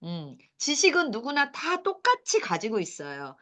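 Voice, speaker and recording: Middle-aged woman lecturer, high bright voice, animated delivery, quizzes the parents. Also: moderate pace. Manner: animated, asks the audience questions, laughs at her own points. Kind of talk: lecture to mothers.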